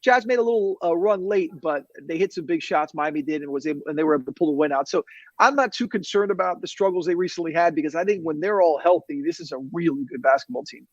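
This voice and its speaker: A man's voice: on the high side, fast talker, no room sound, highs cut off. A man speaking as a sports reporter and guest, giving casual, emphatic game analysis in a conversational way. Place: TV newsroom.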